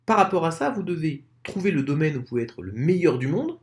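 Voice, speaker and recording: Lively, expressive French-speaking man. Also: a little high, quick pace. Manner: conversational, addresses viewers directly. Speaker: online presenter. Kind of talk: informal explainer talk to camera.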